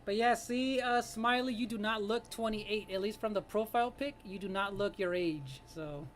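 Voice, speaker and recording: A streamer in their late thirties hosts a live drawing stream, chatting casually, laughing often and greeting viewers by name. Their mid-range voice moves at a moderate pace, with slight background noise.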